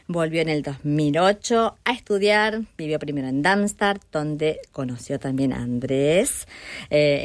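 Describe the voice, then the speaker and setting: Female radio host, measured delivery, low voice, dry studio sound. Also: no echo. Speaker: podcast host. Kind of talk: radio podcast interview.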